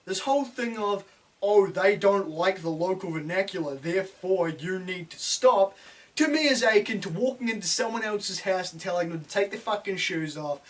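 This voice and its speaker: A man's voice: high voice, fairly bright tone, recorded from a distance. A man with a broad New Zealand accent delivering a blunt, sweary, sardonic opinion rant, full of slang. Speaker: opinion video host.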